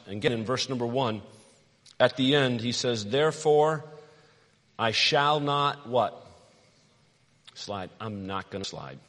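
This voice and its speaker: Middle-aged guy preaching, tells stories and asks the crowd stuff, echoey church hall. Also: fairly low pitch. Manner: animated storytelling, asks the congregation questions. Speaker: pastor. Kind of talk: sermon. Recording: long hall reverb.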